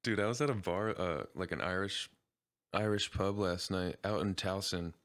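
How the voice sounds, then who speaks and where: A man with a very low voice co-hosts a casual podcast chat. He talks in a relaxed, easygoing way and laughs often. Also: normal speed. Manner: laid-back, laughs often. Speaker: podcast co-host.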